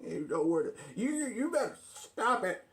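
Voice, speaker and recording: A man's voice: a little high, sing-song, a little slow, darkish tone. A man playing a touchy, stubborn would-be author who argues insistently, in a comic skit of arguing with himself. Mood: menacing, riled. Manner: argumentative, insistent, repetitive.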